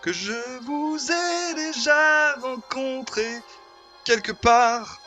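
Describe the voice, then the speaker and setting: A man sings as a prim, formal lady, each line slow and drawn out to a tune. Her voice is bright and high, over faint music. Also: expressive, full character voice. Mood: mock-polite. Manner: sings stiff formal lines to a show tune. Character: prim married woman in an absurd play. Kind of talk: sung comic parody of theatre lines.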